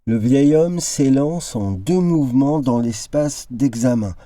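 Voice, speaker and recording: A man narrates a whimsical tale in a slow, unhurried reading. His voice is dark and mellow, and he raises it into brief character voices for the dialogue. The sound is dry and close. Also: dry recording. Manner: shifts into character voices, high exclamations. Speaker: storyteller. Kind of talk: expressive reading of an original tale.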